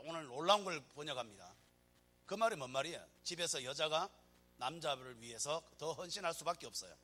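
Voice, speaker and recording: A man with a Gyeongsang accent preaching a sermon as pastor, joking and acting out little scenes as he goes. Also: fairly high pitch. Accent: Gyeongsang Korean. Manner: animated, joking preacher who acts out scenes.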